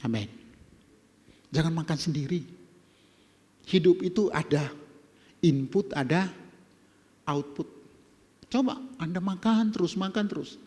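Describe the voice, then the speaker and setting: Man, pastor, emphatic sermon, higher pitch, echoing church hall. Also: lively intonation, a little slow, pauses often. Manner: emphatic, switches between loud exhortation and quiet asides. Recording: long church hall reverb.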